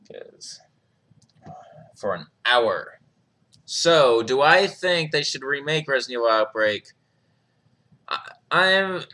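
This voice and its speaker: A man's voice: mid-range voice, bright, forceful tone. A young man hosting a live question-and-answer stream, chatting casually, reading viewer comments and laughing often. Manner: laid-back, chuckles often, reads chat aloud.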